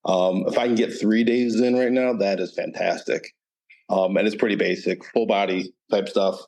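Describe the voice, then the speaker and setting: A man with a fairly low voice talks as a guest in a casual panel chat. He pauses often and fills the gaps with ums. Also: steady tone, a little mellow.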